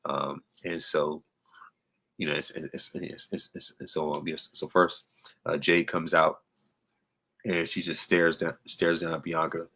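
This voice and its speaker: A man's voice: a bass voice, flat delivery, unhurried, creaky, bright, forceful tone, husky, rough recording. A man giving a casual, rambling wrestling recap, full of fillers and restarts. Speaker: wrestling commentator.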